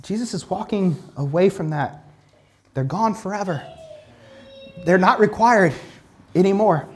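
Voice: medium pitch, unhurried. A pastor teaching casually from the Bible, reading scripture aloud and then building emphatic points with repeated phrases and many "like" fillers. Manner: reads scripture aloud between comments.

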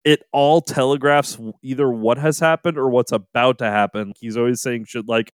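Man, podcast co-host, smooth resonant voice, dry mic, enthusiastic casual chat. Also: medium pitch, fairly even intonation, moderate pace, no echo. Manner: enthusiastic, laughs often, quotes movie lines.

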